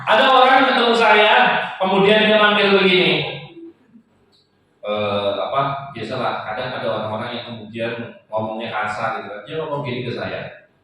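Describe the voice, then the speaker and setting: A man's voice: medium pitch, moderate pace, recorded from a distance, slight background noise. Playful man speaking in an echoey hall. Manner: lively, playful, asks the audience questions. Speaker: motivational speaker. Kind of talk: seminar talk to parents. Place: school hall with an audience.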